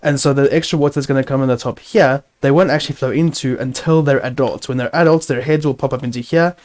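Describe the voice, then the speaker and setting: A man's voice: mid-range voice, steady tone, fast, darkish tone. A man hosting a gaming video, giving casual gameplay commentary, chatty and self-narrating with wry asides.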